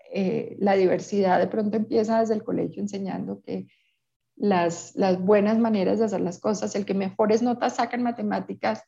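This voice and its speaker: A woman who grew up in Peru, answering interview questions thoughtfully, with many pauses and restarts. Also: medium pitch, vocal fry, mellow, dull audio. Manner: hesitant, many restarts and fillers. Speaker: interview guest.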